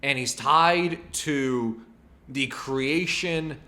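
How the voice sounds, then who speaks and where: A man's voice: mid-range voice, drawn-out words, sharp tone. A man commenting casually on a live stream, rambling and hedging with lots of fillers. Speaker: streamer reacting to a video.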